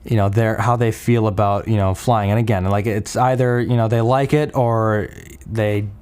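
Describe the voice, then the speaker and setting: A man's voice: on the low side, steady tone, moderate pace, darkish tone, clean tone. Rambling young man hosting a podcast. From Minnesota. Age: young adult. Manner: rambling, many fillers and restarts. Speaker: podcast host. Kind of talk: casual solo podcast.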